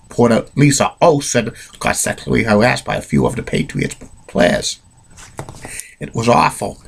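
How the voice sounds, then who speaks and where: A man with a cold rambles through some sports history off the cuff, restarting often and sharing blunt opinions as an amateur narrator. His medium-pitched voice is gravelly and slightly rough in this unscripted solo talk.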